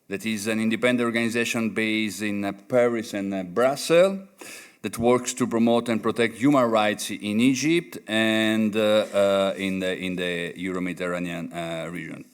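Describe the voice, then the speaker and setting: A man moderating a university event, introducing a guest speaker haltingly with many hesitations. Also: fairly low pitch, clean tone.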